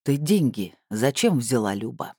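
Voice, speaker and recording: A stern, accusing middle-aged man, as a woman reader puts him on in an audiobook, speaking in a deep, dark, cold hiss. The voice sits low and sounds close and dry, with nothing of the room around it. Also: very animated, moderate pace, breathy edge, no echo, exaggerated voice. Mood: menacing. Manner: lowered, cold, hissing delivery. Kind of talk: audiobook character voice.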